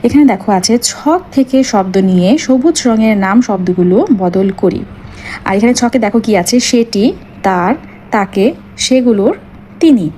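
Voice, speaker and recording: A woman with a Bangladeshi Bengali accent, teaching a primary school lesson and patiently explaining each step, slowing down to spell out words. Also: a little high, dark tone, slight background noise.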